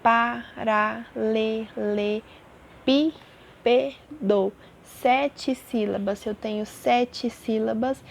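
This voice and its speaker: A woman's voice: a little high, a little hiss or hum. A woman teacher, explaining a grammar lesson to young students patiently, often checking in with them. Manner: patient, repeats terms and checks in with "tá bom?".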